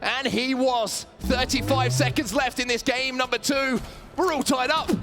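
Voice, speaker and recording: A man doing dramatic esports play-by-play commentary as a caster, building excitement around the action. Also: very high-pitched, measured pace, over music. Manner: dramatic, building to shouts at big plays.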